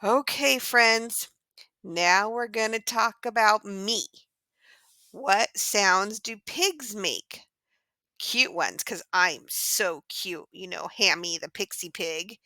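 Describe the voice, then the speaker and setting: A woman's voice: medium pitch, slow, pushed and bright, no room sound. Hammie, a woman voicing a sweet little pixie pig. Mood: sweet, encouraging. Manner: gushing, encouraging, asks kids to join in. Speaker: children's show host. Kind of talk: addressing young children in a farm-sounds lesson.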